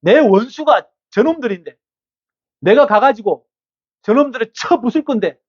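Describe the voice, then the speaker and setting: Brief: indignant young warrior, very high, pleading with his king, done by a preacher; dull lo-fi recording. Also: animated, moderate pace. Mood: indignant protest. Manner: indignant protesting.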